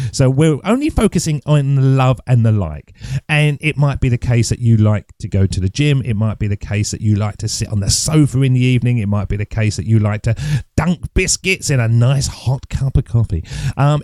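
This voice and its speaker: A man from England rambles on his own podcast from his home desk, teaching casually and thinking out loud while he searches online. He has a medium-pitched voice, and the close studio mic gives a dry sound.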